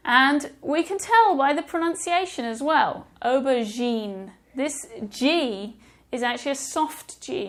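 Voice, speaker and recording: A woman with a British accent giving a friendly video lesson, explaining words and carefully demonstrating their pronunciation. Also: high-pitched. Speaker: English teacher.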